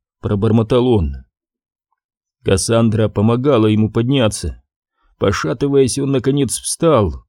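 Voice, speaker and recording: A man narrates an audiobook from a script, telling the story in a measured, even manner. His voice sits at medium pitch, and the studio-quality recording has no echo.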